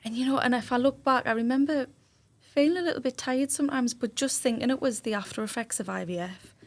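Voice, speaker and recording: A woman's voice: sits high, fast talker. A woman guest on a podcast, telling a personal story with vivid feeling and acting out what people said. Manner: emotional, vivid retelling with quoted dialogue. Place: indoor studio room.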